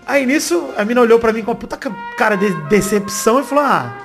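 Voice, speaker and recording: A man on a podcast panel telling a story in casual chat, animated and slangy, swearing and laughing as he goes. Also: very high voice, quick pace, creaky, over music.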